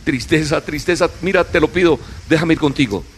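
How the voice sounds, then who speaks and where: A man's voice: fairly high pitch, brisk, a little hiss or hum, voice pushed up, close to an everyday voice. A man voicing Love as a desperate, pleading figure in a spoken fable. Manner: begging, pleading.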